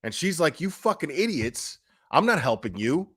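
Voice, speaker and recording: His slightly high, somewhat bright voice swings widely in pitch and carries a breathy edge, moving at normal speed. Like a streamer talking off the cuff, he gives blunt, emphatic, foul-mouthed commentary with coarse opinions.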